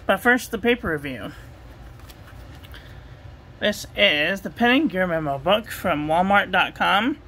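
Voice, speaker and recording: A woman reviewing ink and paper at a home desk, talking through a steady, repetitive checklist and getting excited about the ink colors. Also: lowish voice, a little slow, long pauses, slight background noise, rough recording. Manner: enthusiastic over ink colors. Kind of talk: casual product review voice-over.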